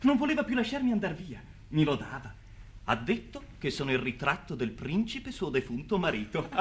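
An actor playing a naive, excitable young man in a 1950s television drama, chatty and boastful. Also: a little high, normal speed. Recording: hissy old 1950s TV recording.

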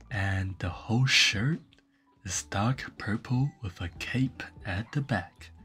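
Casting note: young male gaming host, low voice, unhurried rambling commentary over faint music. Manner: laid-back, rambling with fillers. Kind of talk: casual game showcase commentary. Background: faint background music.

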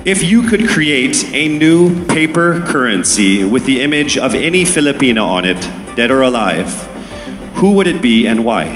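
A man reads out pageant questions formally, with a lively rise and fall in pitch. The sound is echoey, with music behind. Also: normal speed.

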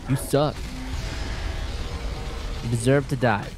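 A man's voice: mid-range voice, fairly even intonation, slow, music in the background. A man giving casual commentary while streaming a game, sarcastic and swearing at the game's characters.

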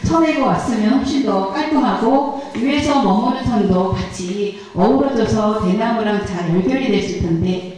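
With a medium-pitched, darkish voice at normal speed, a middle-aged woman casually explains her flower arrangement at a church seminar, chatty and self-deprecating as she presents her work as an instructor. Her handheld mic comes through the speakers of a large indoor church hall, and the echoey recording sounds far off, with a little hiss or hum.

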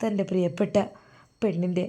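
A woman's voice: lowish voice, fairly even intonation, brisk, dark tone. A woman narrating a devotional family story in an earnest, emotional storytelling manner.

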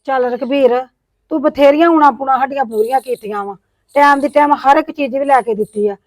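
A woman's voice: high-pitched, a little fast, dry recording. A middle-aged woman acting a complaining widowed sister-in-law in a village family drama. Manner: complaining, scolding tone.

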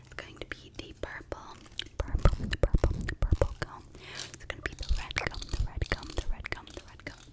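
A woman's voice: fairly quick, hardly any pauses. A woman whispering as an ASMR host, repeating words and short phrases over and over.

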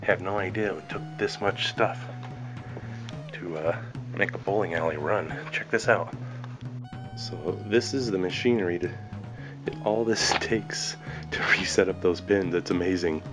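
On a bowling-alley film set, a forty-something vlogger talks casually into a handheld camera held out at arm's length, cheerful and chatty, with a fondness for "pretty cool." He speaks in a low, unhurried voice with long pauses while music plays behind him.

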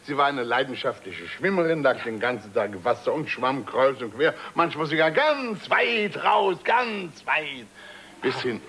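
Gravelly bright-voiced bragging storyteller. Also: male voice, mid-range voice, animated, a little slow, full character voice. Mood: fond. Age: middle-aged. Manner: chatty, sheepish, dramatizes his tale. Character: boastful middle-aged man who can't swim. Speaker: comic storyteller. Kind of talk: 1960s comedy record acting.

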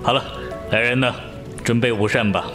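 In a wuxia audio drama with background music, a male actor voices a seasoned, urbane, middle-aged martial-arts master. He speaks in a natural, medium-pitched voice with fairly even intonation, measured, avuncular, and theatrical, in a genial mood.

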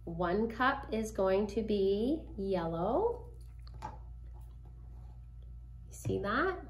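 A woman's voice: medium pitch, very animated, extremely slow. A woman hosting a children's craft demonstration like a kids show host, asking young viewers simple, encouraging questions. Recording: roomy echo, faint noise.

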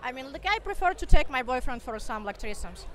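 A young woman with a Russian accent, a guest in a casual street interview, speaking halting English full of fillers. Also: sits high, sing-song. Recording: loud crowd noise outdoors. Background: busy crowd.

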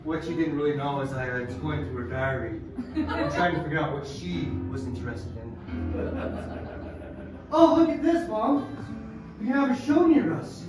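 A fussy grown daughter, played by a man in an improv sketch, her voice high and pushy. The sound is distant and echoing, with music in the room. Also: sing-song, moderate pace, long pauses. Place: small basement comedy club. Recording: roomy distant stage audio with music.

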